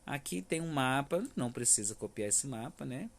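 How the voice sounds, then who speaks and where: A man's voice: medium pitch, lively intonation, moderate pace, vocal fry. A male primary school teacher with a Brazilian Federal District accent, giving a remote class and patiently checking in with his students after each point. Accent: Brazilian Portuguese, Federal District. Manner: patient, stresses words syllable by syllable, frequent "tá?" checks.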